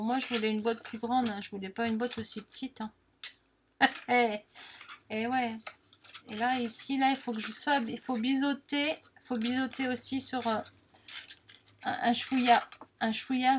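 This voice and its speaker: Casting: talkative woman, slightly high voice, casual crafting demo, faint table clatter behind. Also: background noise. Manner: chatty, self-deprecating, frequent filler tags. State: has the hiccups. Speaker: crafting vlogger.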